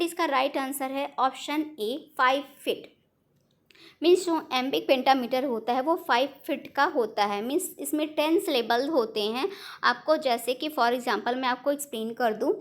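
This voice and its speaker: A woman's voice: sits high, moderate pace. A woman teaching an online exam-prep lesson, explaining step by step in Hindi mixed with English terms and correcting herself as she goes.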